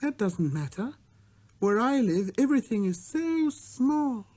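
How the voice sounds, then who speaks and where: Storybook child prince, high and lilting, earnest, innocent wonder. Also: male voice, very animated, measured pace, warm tone, full character voice. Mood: earnest, wistful. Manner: earnest, wondering, easily amused. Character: small earnest boy prince from another planet. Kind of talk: storybook character voice.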